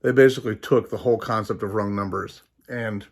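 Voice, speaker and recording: A man's voice: lowish voice, fairly even intonation, a little fast. A man hosting a casual vlog, rambling along with many ums and restarts. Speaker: host.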